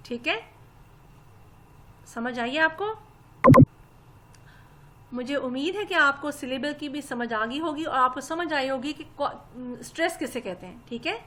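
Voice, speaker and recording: A woman's voice: high voice, measured pace, long pauses, sharp tone. A woman teaches English grammar. She explains patiently, step by step, and keeps addressing her listeners politely. She speaks into a laptop mic for a recorded lesson.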